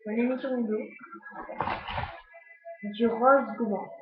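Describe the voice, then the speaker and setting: A fairly high-pitched woman rambles through a casual show-and-tell vlog at home, full of fillers and small restarts. Her speech is slow and unhurried. The sound is tinny and phone-like in an echoey room, with faint noise behind. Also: steady tone. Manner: hesitant, rambling, many fillers. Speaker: vlogger. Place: at home, late at night.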